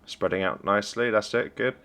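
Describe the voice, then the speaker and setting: A man's voice: on the low side, a little fast, fairly bright tone. A young man coaching a team while reviewing a game replay, encouraging and conversational. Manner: encouraging, conversational, praises plays. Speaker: esports coach.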